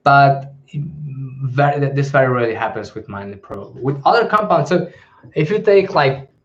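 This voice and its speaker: A man's voice: medium pitch, a bit bright. A man hosting a live question-and-answer stream, answering in a hesitant way with many ums and restarts. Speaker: channel host. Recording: dull lo-fi livestream audio.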